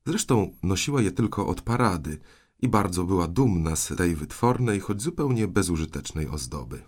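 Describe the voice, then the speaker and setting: Expressive low-voiced male audiobook reader. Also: normal speed. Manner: expressive storytelling. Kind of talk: scripted audiobook narration.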